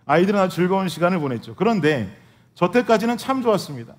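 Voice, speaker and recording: A man's voice: high voice, sing-song, fast talker. A male pastor preaching a sermon, telling a humorous family story and speaking directly to his congregation. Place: church sanctuary.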